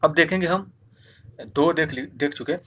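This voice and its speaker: A man's voice: a little high, normal speed, sharp tone, slightly rough. A man teaching an exam-prep grammar lesson, asking questions and answering them himself, stretching out vowel sounds as he demonstrates them. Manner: repetitive, asks and answers own questions.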